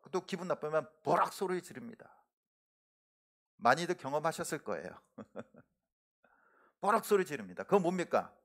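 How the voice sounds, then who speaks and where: Expressive Korean man preaching earnestly. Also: high-pitched. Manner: earnest preaching with rising emphasis and soft trailing endings. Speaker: pastor. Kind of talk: sermon. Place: church sanctuary.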